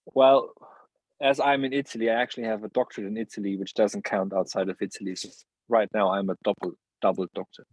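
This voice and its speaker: Husky guy thinking out loud, lots of restarts, dead dry sound. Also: lowish voice, dry recording, low-quality recording. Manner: searching, halting phrasing with many restarts and laughs. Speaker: podcast guest, philosopher. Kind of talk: reflective interview conversation.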